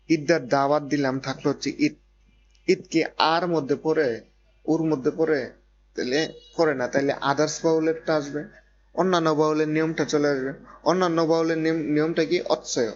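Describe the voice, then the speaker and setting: Man, grammar teacher, repeats and checks understanding, slightly high voice, dull recording, faint hum. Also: steady tone, a little fast. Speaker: Korean language teacher. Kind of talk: classroom grammar lesson.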